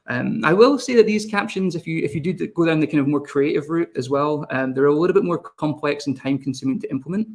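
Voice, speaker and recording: Hosting a live webinar, this Scottish video team lead speaks rapidly and responds to people in the chat. He's a young adult man whose voice leans a bit high.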